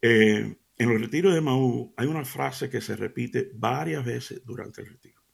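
A middle-aged man hosting a radio devotional, telling an anecdote in an animated way and speaking to his listeners as family. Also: normal speed, vocal fry. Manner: addresses listeners warmly as family; animated storytelling, pitch jumps up for emphasis. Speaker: radio show host.

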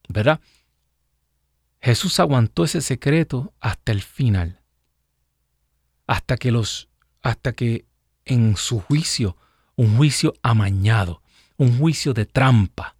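Man, live radio Bible teacher, conversational, asks rhetorical questions, gravelly voice. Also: on the high side, dry recording, clean studio sound. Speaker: radio program host and preacher.

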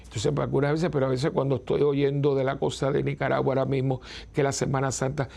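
A man's voice: medium pitch, completely flat delivery, quick pace, creaky, a little mellow. An older man, a priest giving an informal spiritual talk in a conversational, chuckling way that often stops and restarts. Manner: conversational, self-interrupting, chuckling.

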